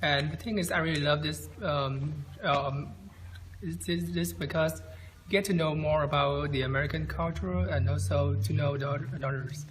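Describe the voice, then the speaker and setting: A man from Vietnam speaks English in a fairly high voice, stalling on fillers and repeating words. A faint hum of background noise sits behind him. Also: fairly even intonation, normal speed, big-room sound, poor audio. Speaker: international student.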